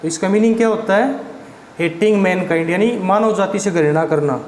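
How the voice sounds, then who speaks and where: High-voiced man spelling out vocabulary. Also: a little fast. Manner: spells words letter by letter, asks and answers his own questions. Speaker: vocabulary teacher. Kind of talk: classroom vocabulary lesson. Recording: echoey room with faint background noise.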